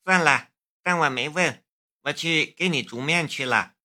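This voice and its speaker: A man's voice: a little high, unhurried, pushed and bright, exaggerated voice. A man voicing a playful, teasing young woman, the hero's little sister, in an audiobook. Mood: caring. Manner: bubbly, teasing.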